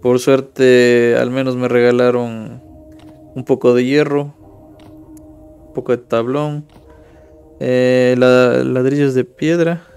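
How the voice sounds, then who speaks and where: A man's voice: mid-range voice, flat delivery, takes it slowly, pauses often, a little mellow, smooth, faint music behind. A young man from Ecuador giving casual live commentary while playing a mobile game and chatting with viewers. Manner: casual, chatty, reads viewer chat aloud. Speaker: streamer.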